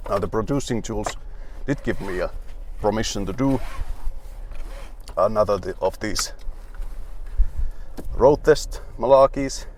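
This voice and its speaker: Young male car reviewer, lowish voice, dry wit, rambling and grumbly. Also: measured pace, pauses often, darkish tone, slight background noise. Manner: rambling, with restarts and asides.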